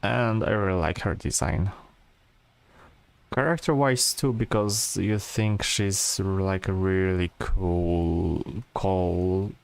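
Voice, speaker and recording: A man giving relaxed, rambling gameplay commentary, full of fillers and restarts. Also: low-pitched, slow pace, creaky, smooth. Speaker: gameplay streamer.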